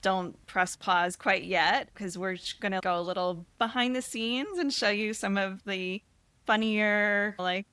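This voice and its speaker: A woman's voice: medium pitch, unhurried, bright, forceful tone, clean tone, no echo. A woman co-hosting a travel podcast in casual chat, chatty, laughing often and trailing off mid-sentence. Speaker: podcast co-host.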